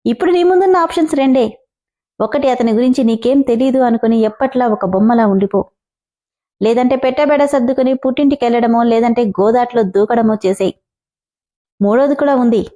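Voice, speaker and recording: A woman's voice: fairly high pitch, fairly quick, mellow, natural voice. Woman voicing a blunt inner conscience. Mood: lecturing.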